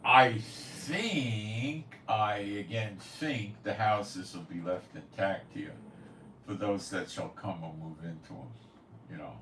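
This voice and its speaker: The prophecy commentary host speaks slowly in a voice on the low side with a fairly bright tone. He's casual and rambling, blunt and opinionated, often scoffing. The sound is echoey and distant, with faint noise.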